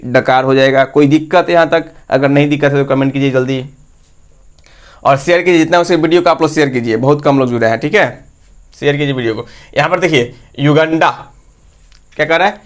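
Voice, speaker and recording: A male teacher runs an exam-prep lesson in a fairly high voice. He keeps quizzing his listeners with the same questions and then answers them himself.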